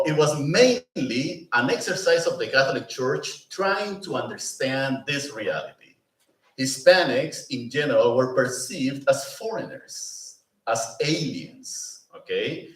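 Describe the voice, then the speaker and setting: A man giving a conversational lecture as a presenter at a pastoral institute, often asking the room "no?" and "you know?". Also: mid-range voice. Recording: roomy, mic at a distance.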